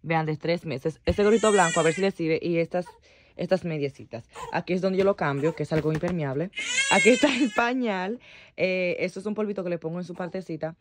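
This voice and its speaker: A woman's voice: brisk, background noise. A young mother, chatting casually through her baby's routine at home on a phone camera. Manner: chatty, talks to baby in a high cooing voice. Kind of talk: casual vlog narration. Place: home nursery, indoors.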